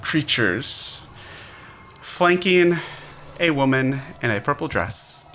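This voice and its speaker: A man narrating a tabletop game as game master, with halting, deliberate phrasing. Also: mid-range voice, animated, bright, forceful tone. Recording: faint background noise.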